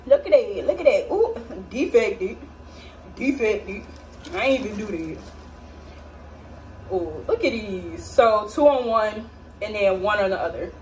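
An animated young American woman with a mid-range, slightly mellow voice talks unhurriedly and pauses often as she hosts a home cooking vlog, bantering with viewers in playful, casual slang. She's in a small home kitchen indoors, recorded by a phone or camera propped at a distance, so the mic sounds distant against noisy kitchen ambience.

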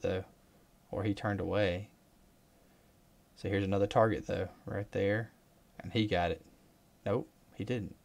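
A man casually commenting over his fishing footage, relaxed and rambling with excited bursts. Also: low voice, creaky. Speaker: fishing vlogger.

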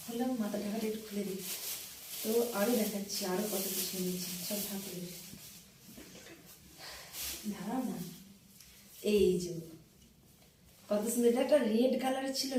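A middle-aged woman chatting softly and gushing as she shows off things she bought. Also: medium pitch, very echoey, distant mic, slight background noise, rough recording. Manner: chatty, gushing, repeats herself; soft, hushed talk. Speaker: vlogger showing purchases. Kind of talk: casual show-and-tell chat.

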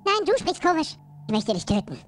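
A man's voice sped up and pitched high as a cartoon cat repeating his words. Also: sing-song, fairly quick, fairly bright tone, faint music behind, full character voice. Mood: mimicking. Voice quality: high, squeaky, mimicking.

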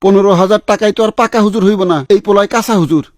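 Male actor as a haggling fixer, quick and high-voiced, over music. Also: dry recording, clean studio sound, natural voice. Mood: insistent. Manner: blunt, haggling, stubborn about money. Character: pushy money-minded male funeral fixer. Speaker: hired mourner and fake cleric contractor.

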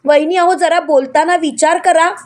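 Brief: calm elderly male elder, reassuring, voiced by a woman with a high voice. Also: moderate pace. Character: gentle older holy man, calming elder.

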